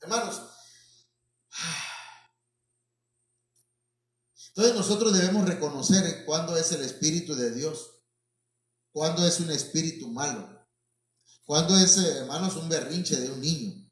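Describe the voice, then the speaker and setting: Pastor preaching in echoey hall. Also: male voice, on the high side, slow pace, pauses often. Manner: addresses listeners as brothers, many fillers. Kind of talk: sermon with storytelling. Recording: echoey church from far off.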